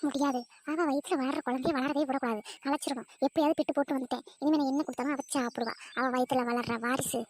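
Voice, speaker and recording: A woman's voice: high voice, steady tone, quick pace, few pauses, slight background noise, natural voice. A woman playing a scheming mother-in-law. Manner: bossy, fussing, falsely sweet. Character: scheming villainous mother-in-law, middle-aged. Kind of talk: family comedy skit acting.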